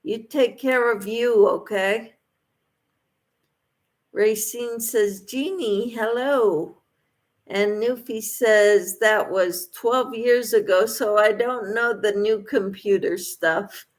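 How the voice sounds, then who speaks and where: Hosting a laid-back livestream, a woman reads viewers' comments aloud and answers each one warmly and encouragingly. She speaks at a medium pitch and a slow pace.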